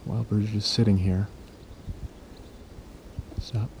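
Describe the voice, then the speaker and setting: Hushed man dictating field notes outdoors. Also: flat delivery, slow pace, creaky, a little hiss or hum. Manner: low, hushed, clipped observations, each ending in "stop". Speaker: field researcher logging bird activity. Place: outdoors at a forest clearing at dawn.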